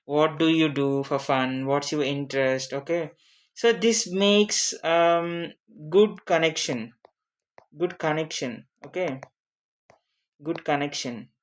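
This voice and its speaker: An online teacher of interview English, not a native speaker, gives an informal spoken lesson on introductions with examples. Her mid-range voice moves haltingly, repeating phrases and often checking in with a questioning "okay?".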